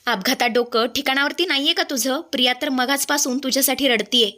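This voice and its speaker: A woman's voice: high voice, fairly quick, sharp tone. A woman voicing a young husband who is alarmed and defensive of his wife.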